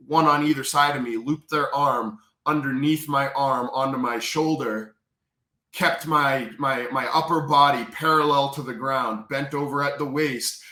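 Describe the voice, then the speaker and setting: A man speaking in an earnest, intense storytelling manner. His voice is bright and forceful, and the room around him rings with echo. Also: mid-range voice. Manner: earnest, intense retelling with repeated phrases. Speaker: memoir author telling his prison story. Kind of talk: personal storytelling.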